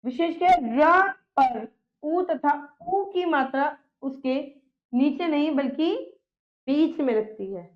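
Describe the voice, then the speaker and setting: A woman's voice: high-pitched, animated, takes it slowly. A woman teaching a grammar lesson, who asks questions and answers them herself and stretches out the example sounds. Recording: dull lo-fi recording.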